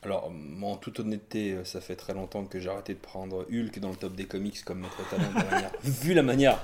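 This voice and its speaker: A man's voice: low-pitched, brisk, a little hiss or hum. Laughing, joking man hosting a chat. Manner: joking, laughs often, swears casually. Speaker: podcast host. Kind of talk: casual panel chat.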